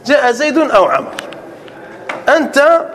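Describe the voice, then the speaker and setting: A high-voiced sheikh teaches an Arabic grammar lesson, his voice a bit bright with big pitch swings and a big-room sound. He checks on students with frequent rhetorical questions and repeats example sentences slowly, breaking them into words.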